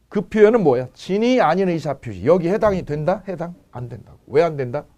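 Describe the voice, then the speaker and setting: A male law lecturer with a slightly high, mellow voice that rises and falls widely. He keeps quizzing his students with rhetorical questions. He repeats each key phrase as he drives the point home. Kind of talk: exam-prep lecture.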